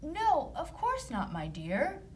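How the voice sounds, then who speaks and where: A woman voicing a gentle, protective male woodcutter, mild but emphatic, in a children's storybook. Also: sits high, huge pitch swings, takes it slowly, slight background noise, pitched above the performer's own voice, heavily acted. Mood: placating.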